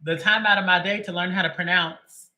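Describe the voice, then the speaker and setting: Bright-voiced chatty male tarot reader. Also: sits high, steady tone, a little fast, rough recording. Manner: chatty, greets viewers by name, joking asides. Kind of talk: livestream chat before a reading.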